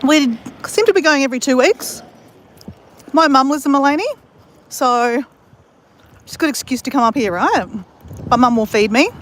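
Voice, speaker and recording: In this laid-back walking vlog, an Australian woman talks directly to her audience as "guys" while wandering a country town and following a creek. She speaks high and a bit bright at a moderate pace, leaving long pauses, and there's a slight hiss or hum underneath.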